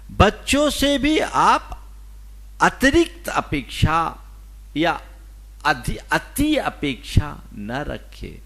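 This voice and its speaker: A man who is a Jain monk, preaching slowly and emphatically, his voice swinging between loud and soft. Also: a little high. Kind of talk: sermon.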